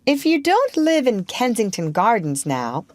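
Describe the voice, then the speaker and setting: Wendy, an eager and well-mannered young girl, as a woman reader puts her on in a storybook. She sounds wide-eyed and excitable, her voice high and rising with lively swoops. The recording is dry and close. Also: unhurried, no echo. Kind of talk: audiobook character reading.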